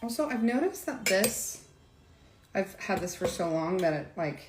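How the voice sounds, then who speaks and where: A woman's voice: mid-range voice, animated, moderate pace, very noisy. A woman hosting a casual live cocktail demonstration, chatting straight to her viewers with lots of asides. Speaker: cocktail demo host. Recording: echoey room with faint clatter.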